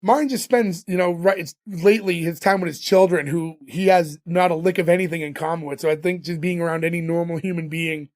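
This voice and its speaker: High-voiced man in chatty podcast talk. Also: steady tone, a little fast, few pauses. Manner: chatty, loose retelling with fillers. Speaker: podcast co-host. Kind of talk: casual chat recapping a sitcom episode.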